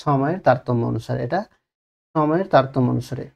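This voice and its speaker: A man's voice: mid-range voice, fairly quick, gravelly, a little mellow, muffled recording. A male teacher with a West Bengal Bengali accent giving an exam-prep grammar lesson, repeating key phrases and asking and answering his own questions. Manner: drags out vowels to demonstrate.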